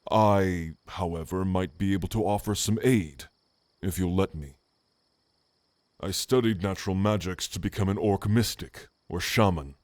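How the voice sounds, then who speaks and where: A man plays a calm, scholarly orc shaman who acts as a gentle mentor in an ASMR roleplay, speaking in a soothing, measured, formal way. His voice is low, there's no room sound, and the mood is earnest and helpful.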